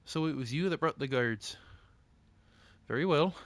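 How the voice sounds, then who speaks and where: A man doing a high cheery dwarf woman. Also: animated, moderate pace, no echo, lightly acted. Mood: stern. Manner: sing-song, calls people honey. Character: cheery small dwarf woman apothecary, motherly.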